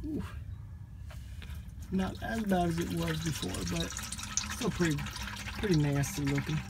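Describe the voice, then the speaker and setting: A man's voice: a little high, expressive, a little slow, creaky. A man casually talking through a car repair step by step, rambling and thinking aloud with lots of ums, filmed on a handheld phone. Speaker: DIY car vlogger. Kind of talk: casual how-to narration. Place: in a moving car, then outdoors beside it at night. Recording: loud road and engine noise.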